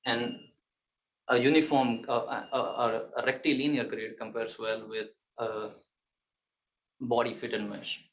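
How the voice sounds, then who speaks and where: A young man giving a technical thesis presentation, halting and hesitant, often restarting his words. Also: medium pitch, flat delivery. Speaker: PhD candidate presenting a thesis defense. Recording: muffled, distant mic with background noise.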